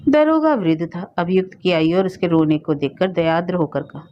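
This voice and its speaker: A woman reading a story aloud as a storyteller, in a steady, expressive scripted narration. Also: fairly low pitch, moderate pace. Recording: dull lo-fi recording.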